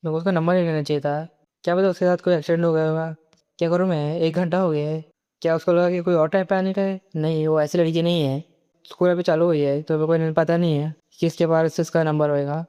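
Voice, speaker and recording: A man reading the lines of an anxious, insistent teenage schoolboy in a comic recap, fast and smooth. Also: on the high side, level tone, mellow, lightly acted. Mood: worried. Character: worried, stubborn teenage schoolboy.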